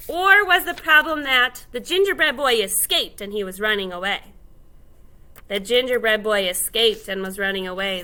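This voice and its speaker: Here a woman who teaches elementary school gives young children step-by-step instructions in a fairly high, bright and pushed voice. She phrases everything simply, leans on the key words and guides them with questions.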